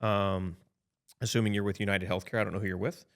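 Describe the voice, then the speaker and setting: A man of about fifty, an insurance advisor, explaining coverage in a relaxed podcast chat, often checking in with "right?" and restarting sentences. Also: lowish voice, quick pace. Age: 50s. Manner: chatty, frequent "right?" tag checks and restarts.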